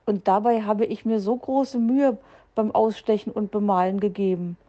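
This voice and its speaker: A woman's voice: medium pitch, steady tone, normal speed, mellow, highs cut off, lightly acted. A woman voicing a small, eager young male fox cub who complains earnestly. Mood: plaintive.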